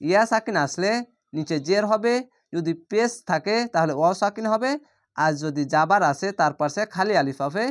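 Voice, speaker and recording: Guy teaching quran reading, spells each letter then drags the word out slow, patient. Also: high voice. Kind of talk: spelling-out Quran recitation lesson.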